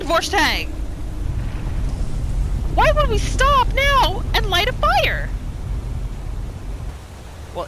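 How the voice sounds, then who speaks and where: Amid heavy background noise, a woman with an extremely high-pitched voice narrates a roleplay game playthrough. Her let's-play commentary is reactive, full of exclamations, and she talks directly to the game's characters.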